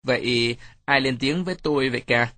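A man's voice: medium pitch, moderate pace, a bit bright, dry recording, natural voice. A man voicing a strong, jovial grown man who teases a child in a storybook reading. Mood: teasing. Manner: teasing, playful.

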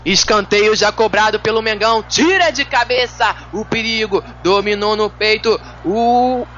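A woman's voice: medium pitch, measured pace, a bit bright. A Brazilian woman calling a football match play by play in live radio commentary. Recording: dull lo-fi radio feed, faint music.

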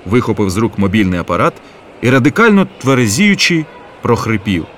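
A man narrating an audiobook in an expressive, lively reading. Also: on the low side, brisk. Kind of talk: scripted narration.

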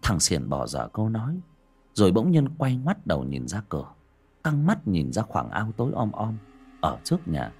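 Male narrator, dramatic horror reading, low husky voice, very lively pitch. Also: moderate pace, soft background music. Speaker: storyteller.

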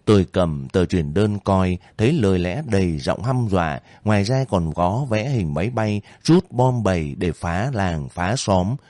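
A man narrating a novel aloud at a steady, unhurried pace. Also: low voice, no echo. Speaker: audiobook narrator. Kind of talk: reading a war novel aloud.

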